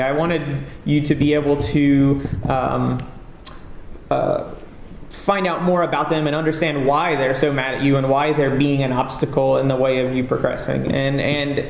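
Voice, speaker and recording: A man's slightly high voice carries a casual, self-deprecating conference talk from a game developer, rambling and full of fillers. It was captured on stage in an echoey hall with faint ambience and slight background noise.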